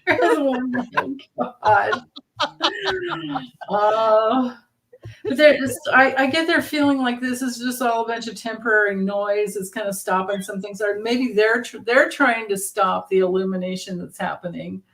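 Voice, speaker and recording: A woman's voice: a little high, a little slow, fairly bright tone, slight background noise. A woman co-hosting a tarot livestream, chatting casually and laughing often. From Kentucky. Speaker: tarot reader co-host.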